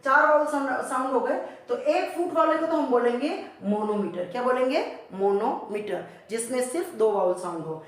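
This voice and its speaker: A high-pitched Indian woman teaches English for competitive exams. She poses a question, answers it herself and keeps repeating the key terms. Her voice rings around a very echoey room. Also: moderate pace, few pauses. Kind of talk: exam-prep lesson in Hindi mixed with English.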